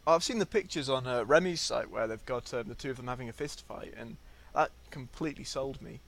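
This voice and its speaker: A man's voice: medium pitch, a little fast, creaky, a bit bright. A man co-hosting a podcast, chatting casually as an enthusiast. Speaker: podcast co-host.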